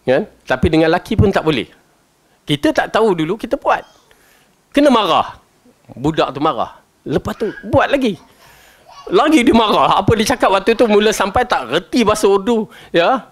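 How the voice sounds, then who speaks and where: A man with a Malaysian Malay accent giving a Quran commentary lecture, colloquial and jokey, chanting verses slowly. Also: high voice, big pitch swings.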